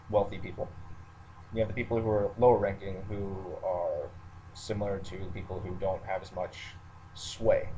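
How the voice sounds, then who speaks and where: Here the same kind of speaker, a man in the military who posts video rants, uses a lowish, mellow voice over poor audio. His unscripted monologue to listeners is matter-of-fact and punctuated by hesitations as he works through his thoughts, while background noise and a nearby roommate can be heard.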